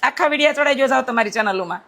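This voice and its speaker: A middle-aged woman, speaking straight to her viewers in a blunt, forceful, defiant tone and often checking with them by asking "right?". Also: high voice, rapid-fire. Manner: repeats rhetorical "right?" checks. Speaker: vlogger addressing critics. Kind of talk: impassioned direct-to-camera monologue.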